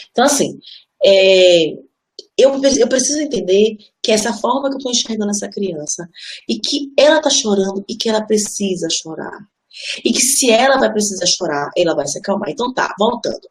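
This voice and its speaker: A woman and mother giving a live online parenting class, explaining earnestly and conversationally and turning to the audience as she talks. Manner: earnest and explanatory, often addresses listeners as "gente"; drops into a soft, low, gentle voice when speaking as she would to her child.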